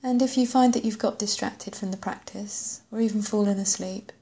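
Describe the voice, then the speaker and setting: A woman leading a guided body scan meditation in a gentle, unhurried way, leaving long pauses and letting phrase ends trail off softly. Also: mid-range voice, fairly even intonation.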